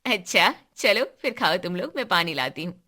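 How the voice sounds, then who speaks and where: A woman voicing a caring mother in a cartoon story, bright and concerned. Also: fairly low pitch, very animated, moderate pace, exaggerated voice. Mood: cheerful.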